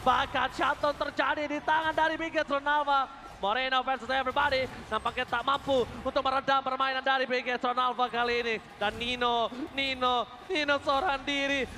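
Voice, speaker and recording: An Indonesian man shoutcasting esports in a fighting game announcer style, with excitable, dramatic play-by-play and English gaming phrases mixed in. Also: extremely high pitch, fairly quick, slight background noise.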